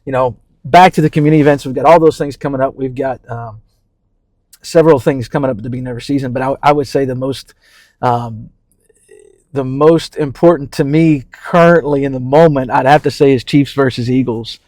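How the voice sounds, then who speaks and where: Podcast guest, man from New Orleans, over thirty-five, relaxed and halting, repeats words, mid voice, dry close mic. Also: medium pitch, no room sound. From New Orleans, Louisiana. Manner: easygoing, repeats words while thinking, many fillers. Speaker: community development manager for a baseball team. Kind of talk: casual podcast conversation.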